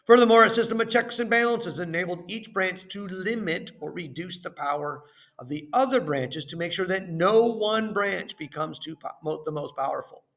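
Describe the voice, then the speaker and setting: This man's high, fairly bright voice reads a lesson and worksheet questions in a teacherly way. He's measured and instructional, hitting the start of phrases hard and letting their endings fall off.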